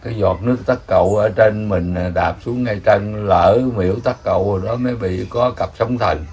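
A man's voice: on the low side, normal speed, slightly rough, faint music behind. Older Southern Vietnamese man telling folk tales. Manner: rambling, animated folk storytelling with chuckles. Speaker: elder storyteller. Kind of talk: casual storytelling.

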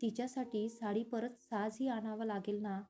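A woman's voice: on the high side, fairly even intonation, moderate pace, mellow, soft background music, lightly acted. A woman voicing a playful, emotional young wife in a read-aloud story. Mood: practical. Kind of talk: storybook reading.

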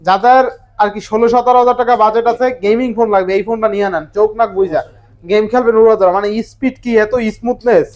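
A high-voiced man with a Bangladeshi Bengali accent hosts a shop walkthrough in rapid, eager bursts. He echoes every figure back, and the sound is dull and lo-fi. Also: a little mellow. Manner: repeats prices back, quick agreeing. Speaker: vlogger host. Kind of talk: casual shop-video chat.

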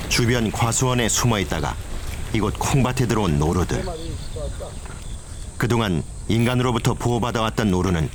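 A man's voice: lowish voice, expressive, normal speed, pauses often, a little hiss or hum. A man reading scripted narration for a nature documentary as its narrator.

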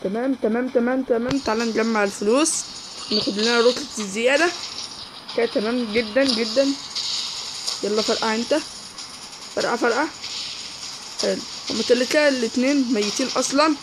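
A man with an Egyptian Arabic accent giving excitable live gameplay commentary, repeating words in quick bursts. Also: very high voice, background noise. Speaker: gaming YouTuber.

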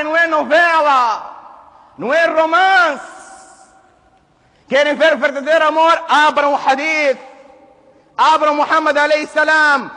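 A man preaching a Friday mosque sermon, swinging from loud exhortation to hushed storytelling and reciting Arabic verses. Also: extremely high pitch. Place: mosque hall. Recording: reverberant mosque hall.

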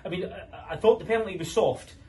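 A man's voice: sits high, a little fast, a little mellow. A man in his forties, an easygoing club TV interviewer holding a post-match chat in a club room. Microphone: camera from a few metres. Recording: distant camera mic, faint room hiss.

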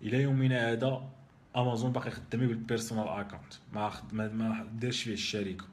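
A man with a Moroccan Arabic accent hosting a live stream, answering viewer questions in a rapid, emphatic way that repeats and restarts phrases. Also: mid-range voice, little pitch movement, a little hiss or hum. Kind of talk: casual live Q&A.

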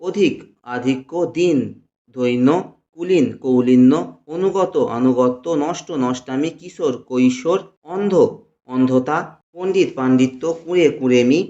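A man's voice: medium pitch, a little slow, dark tone. A man teaching a grammar lesson on a channel, steadily reciting long lists of word pairs to his students. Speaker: grammar tutor. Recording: echoey room, dull lo-fi sound.

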